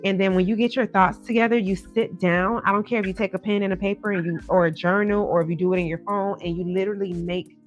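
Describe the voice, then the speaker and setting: A woman's voice: mid-range voice, fairly even intonation, fast, hardly any pauses. A woman hosting a live psychic hotline as a tarot card reader, talking in a conversational, encouraging and directive way. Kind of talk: psychic hotline patter and casual advice. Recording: dull lo-fi sound with music behind.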